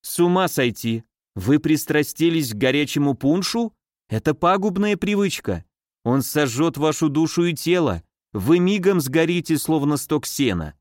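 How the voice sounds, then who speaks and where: A man's voice: on the high side, lively intonation, moderate pace, darkish tone, no echo, clean studio sound, lightly acted. Man raising his voice for a fussy, frightened nurse. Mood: mocking, prim. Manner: mannered, fussy, shrieking when afraid. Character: shrill, easily scared female nurse.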